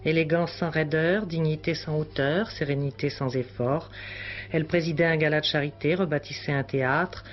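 A man's voice: fairly high pitch, steady tone, moderate pace. A man giving lyrical, formal narration in an old newsreel, heard from an archive broadcast. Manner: lyrical, formal commentary delivery. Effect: old newsreel broadcast sound. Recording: dull lo-fi old newsreel with music. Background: music.

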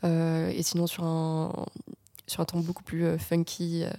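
A young woman in her twenties, a podcast guest chatting casually, with many pauses and fillers. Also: low voice, dry recording. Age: 20s. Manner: relaxed, hesitant with many fillers. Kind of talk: casual chat.

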